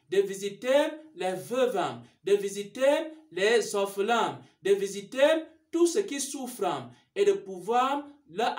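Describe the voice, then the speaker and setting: A church minister giving a sermon-style announcement, with repeated rhetorical questions and answers. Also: medium pitch. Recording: roomy echo.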